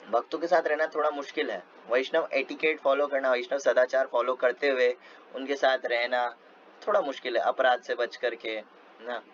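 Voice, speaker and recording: A man giving a casual devotional talk, telling stories with many fillers and small laughs. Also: mid-range voice. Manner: storytelling with frequent fillers and laughs. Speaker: devotional speaker. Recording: dull lo-fi with faint noise.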